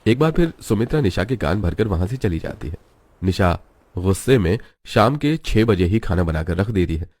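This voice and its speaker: A man narrating a children's cartoon story in a measured, scripted way. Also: sits low, very animated, darkish tone, no echo.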